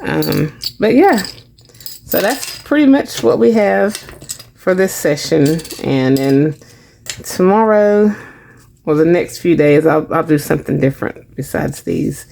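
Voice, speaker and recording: Woman craft host with a deep, creaky voice; rambling and self-deprecating. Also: slow, warm tone, a little hiss or hum. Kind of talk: casual crafting chat to camera.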